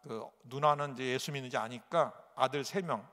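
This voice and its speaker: A male pastor preaching a sermon, telling a personal story dramatically with sudden loud outbursts and repetition. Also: medium pitch, moderate pace. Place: large church sanctuary. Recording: echoey church hall.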